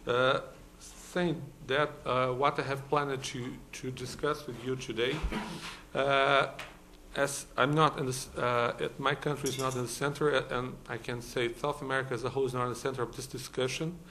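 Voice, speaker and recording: In a conference hall talk, a law professor from Brazil speaks at moderate pace with little pitch movement and a sharp, medium-pitched tone. His Brazilian Portuguese accent comes with hesitation, frequent fillers and restarts, and there is a little hiss or hum.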